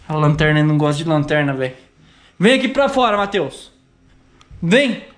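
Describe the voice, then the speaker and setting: A man's voice: on the high side, big pitch swings, moderate pace. A man with a Brazilian Portuguese accent, filming an acted horror vlog and talking anxiously to his viewers while calling out for a missing friend. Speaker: YouTuber. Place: outdoors at a country house at night.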